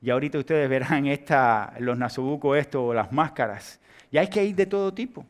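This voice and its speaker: A man with a Cuban accent preaching a sermon and leading a closing prayer in church, swinging from hushed words to loud emphatic ones. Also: medium pitch, fairly quick. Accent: Cuban Spanish. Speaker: pastor. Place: church sanctuary during a service.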